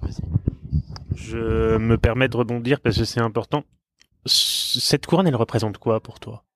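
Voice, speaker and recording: A man's voice: medium pitch, fairly even intonation, moderate pace, a bit bright, no echo. Chatty male host, dry close sound. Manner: joking, repeats words while thinking. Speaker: interviewer, host. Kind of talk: casual interview hosting.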